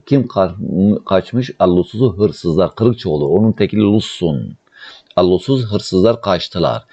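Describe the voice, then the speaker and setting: Male grammar teacher, very low voice, patient step-by-step explainer, dull muffled recording. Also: dark tone. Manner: explains step by step, asks and answers his own questions; slows right down when reading out model translations. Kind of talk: recorded online grammar lesson.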